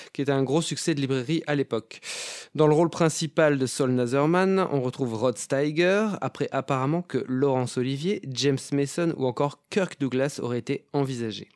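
Male host, mid-pitched, dry studio sound; articulate, scripted film-show presentation. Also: darkish tone, clean tone, dry recording. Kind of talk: scripted introduction to a film round table.

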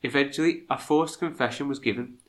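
The audio is poor as this man, congested and nasal from a cold, co-hosts a podcast, moving from scripted history narration to chatty asides. He talks a little fast at a medium pitch.

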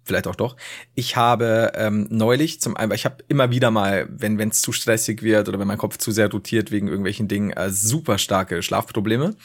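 A man's voice: fairly low pitch, fairly quick. A man co-hosting a podcast, telling a rambling story in casual chat with bursts of animation. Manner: rambling, animated storytelling with laughs and acted outbursts. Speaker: podcast co-host.

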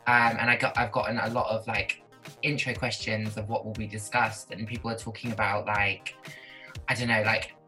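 Bright-voiced woman chatting candidly. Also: very deep voice, level tone, moderate pace, soft background music, poor audio. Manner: candid, chatty, lots of "like" fillers. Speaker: podcast guest. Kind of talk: casual conversation. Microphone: video call.

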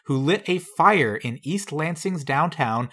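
A man with a somewhat high-pitched voice co-hosts a relaxed podcast. He reads old headlines aloud and breaks off for dry, wry remarks. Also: unhurried. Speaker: podcast co-host. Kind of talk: casual chat reading old news.

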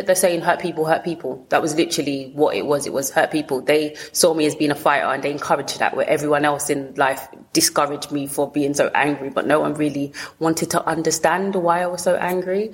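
Low-voiced woman with a south London accent. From south London, England. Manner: colloquial, talks in short bursts with frequent rephrasing. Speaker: interview guest. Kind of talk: candid personal storytelling in an interview.

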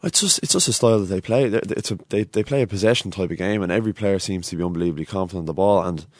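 Deep-voiced, quick Irish pundit. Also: male voice, darkish tone, dry recording, studio quality. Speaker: sports pundit. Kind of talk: unscripted sports analysis.

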